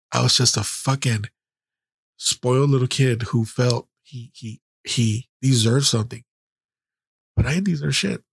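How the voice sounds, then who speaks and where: A man's voice: mid-range voice, vocal fry, husky, no echo, studio quality. A man hosting a podcast who tells blunt, heavily profane personal stories and laughs at himself. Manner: self-deprecating, with frequent restarts. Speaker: podcast host. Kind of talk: candid personal storytelling.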